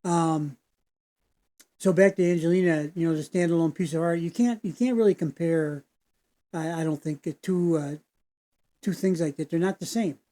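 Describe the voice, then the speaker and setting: Speaking at normal speed with frequent pauses, this American reaction-video host has a warm, somewhat high voice. His casual rambling commentary is folksy and digressive, full of fillers as he strays off topic and returns.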